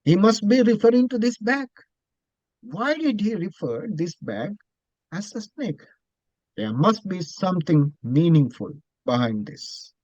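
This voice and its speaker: A man, a Buddhist monk teacher, telling a story in a dharma talk, speaking slowly and deliberately and repeating phrases. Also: sits high, very animated, darkish tone, no room sound, highs cut off.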